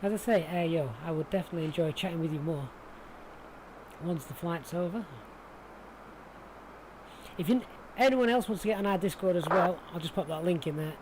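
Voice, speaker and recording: On his flight sim stream, a Sheffield man with a Yorkshire accent talks to viewers in a chatty, think-aloud way. His fairly high voice moves fairly quickly but is broken up by long pauses, and clear background noise sits under it all.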